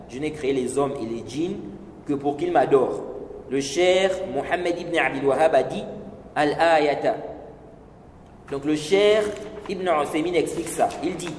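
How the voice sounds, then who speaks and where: A man giving a religious lesson, explaining slowly, repeating points and checking with his listeners. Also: a little high, darkish tone. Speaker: religious teacher. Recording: echoey hall with faint noise.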